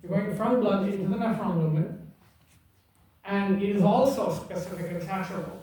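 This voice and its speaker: A man's voice: high voice, normal speed, mellow. A man lecturing a class in an emphatic, teasing way, repeating key points and checking that students follow. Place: lecture room. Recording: echoey room from far off.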